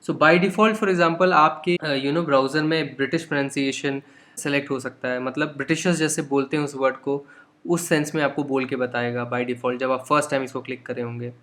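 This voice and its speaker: A man's voice: medium pitch, steady tone, normal speed, fairly bright tone. A young man with an Indian accent, teaching English from a textbook. He explains patiently, line by line, and mixes English into his talk.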